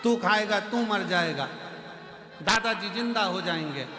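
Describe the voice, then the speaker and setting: A man voicing a calm, sly guru who offers a magic powder in a deadpan tone, in a comic sermon story. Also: high-pitched, a little slow, echoey room, big-room sound.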